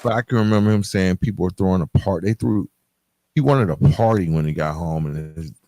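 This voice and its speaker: A mellow, low-sitting voice belongs to a middle-aged podcast host who talks a little fast. His monologue to listeners is reflective and emphatic, and he keeps checking in along the way.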